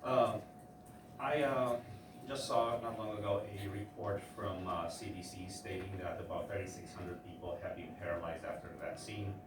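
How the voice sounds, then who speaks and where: A man giving public testimony at a hearing, halting with many fillers and restarts. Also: deep voice, fairly even intonation, noisy background. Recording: echoey hearing room from far off.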